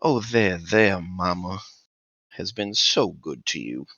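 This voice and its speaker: A man voicing a smug, menacing skeletal undead figure in a cloak, speaking softly and slipping into whispers. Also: sits low, lively intonation, takes it slowly, dry recording, muffled recording, full character voice. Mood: cooing.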